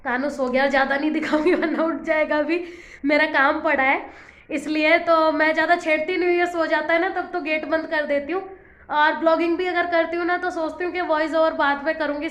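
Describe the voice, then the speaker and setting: A woman's voice: sits high, a bit bright, reverberant. A young woman chatting through a home vlog voice-over, telling a complaining story in a talkative way. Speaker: home vlogger.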